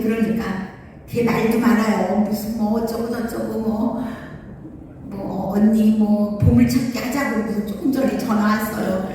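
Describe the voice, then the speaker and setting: A middle-aged woman, a pastor's wife, tells a personal testimony in a lecture, acting out the quoted dialogue with lively emotion. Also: a little high, slight background noise. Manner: animated storytelling that acts out quoted dialogue. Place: lecture hall. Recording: far-off mic in an echoey hall.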